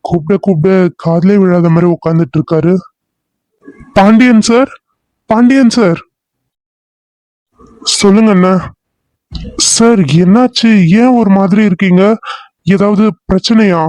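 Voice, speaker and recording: A man's voice: high-pitched, unhurried, pauses often, darkish tone, no echo. A man voicing a loyal, earnest male police assistant who talks in a coaxing, insistent way in a cartoon serial. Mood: concerned.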